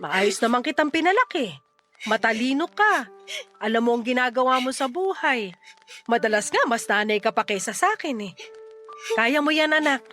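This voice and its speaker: A Filipino woman with a high-pitched voice plays a playful, fiercely protective single mother of about forty in a melodramatic radio drama. She speaks at a moderate pace over soft background music, sounding tender and reassuring while staying animated, teasing, and exclamatory.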